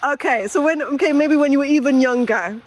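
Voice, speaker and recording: A woman's voice: high voice, fairly quick. An upbeat woman hosts a podcast and puts questions to players. There is a faint hiss in the background, and she laughs easily. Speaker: podcast host. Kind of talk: interview questions and podcast outro.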